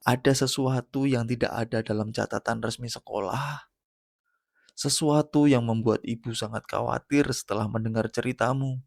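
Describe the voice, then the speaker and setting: A man voicing a guilt-ridden older female schoolteacher with a trembling, hoarse voice in creepypasta horror narration. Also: medium pitch, steady tone, moderate pace, dry recording, clean studio sound. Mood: fearful.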